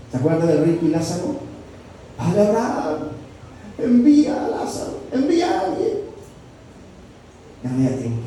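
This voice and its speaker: A male pastor delivers a sermon, firing questions at his congregation and pushing his voice up for emphasis. His tone is dark and mellow, set a little high for a man. He is heard from a distance in a very echoey room, with a faint hum of background noise. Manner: preaching with rhetorical questions and sudden loud peaks.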